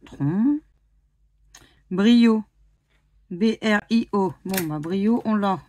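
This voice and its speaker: Scratching lottery tickets on her YouTube channel, a Frenchwoman offers casual commentary, spelling letters out one at a time and hesitating often. Her medium-pitched voice is mellow, and she speaks extremely slowly.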